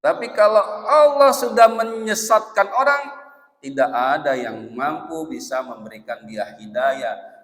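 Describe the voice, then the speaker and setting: Man preaching with lively swings in an echoey mosque. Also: mid-range voice. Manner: lively, swings between loud emphasis and soft asides, chants verses slowly. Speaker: ustadz preacher. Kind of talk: dawn mosque sermon. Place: mosque hall. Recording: echoey mosque hall, long reverb.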